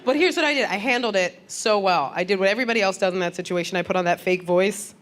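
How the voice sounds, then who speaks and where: A woman's voice: mid-range voice, quick pace. A woman comedian performing stand-up on a club stage with a handheld mic, telling stories animatedly and laughing at her own jokes. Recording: noisy club with crowd laughter. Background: audience laughter.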